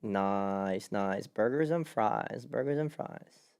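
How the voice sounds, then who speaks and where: Animated livestream podcast host. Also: medium pitch, slow pace, smooth. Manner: hyped, playful, laughs often. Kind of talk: casual livestream chat.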